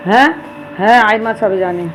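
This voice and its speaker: Hoarse middle-aged woman vlogging casually. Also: medium pitch, quick pace, reverberant, crowd noise. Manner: chatty, walks viewers through dishes. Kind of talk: casual vlog talk to viewers.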